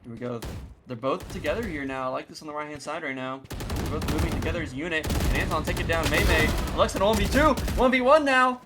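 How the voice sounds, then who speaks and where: Male co-caster, hyped and exclamatory, over loud game noise. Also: on the high side, quick pace. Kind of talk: live game commentary. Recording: noisy game audio behind.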